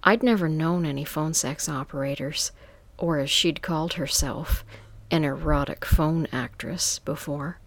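A woman reading a first-person story aloud in a calm, even manner with soft hushed touches. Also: sits low, unhurried, no echo. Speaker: story reader.

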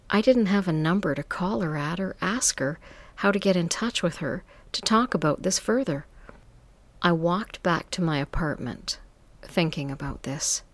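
Low, dry-voiced woman reading a story. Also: no room sound. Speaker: story reader. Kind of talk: scripted first-person story narration.

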